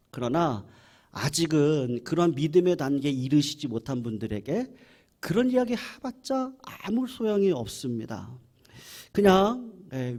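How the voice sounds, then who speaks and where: A male pastor preaching a sermon at a church service, moving between quiet, conversational asides and loud, emphatic declarations. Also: fairly high pitch.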